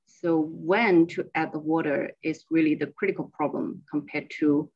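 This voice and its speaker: A woman's voice: low voice, fairly even intonation, normal speed, husky, lo-fi sound. A woman research associate giving a slide presentation over a remote screen-share call, explaining her work step by step.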